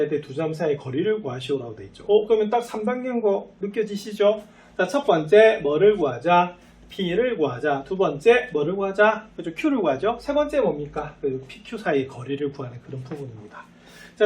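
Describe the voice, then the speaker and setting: A man teaching a high school math lesson who keeps asking and answering his own questions as he works through each step. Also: darkish tone, distant mic. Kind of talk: recorded math lecture.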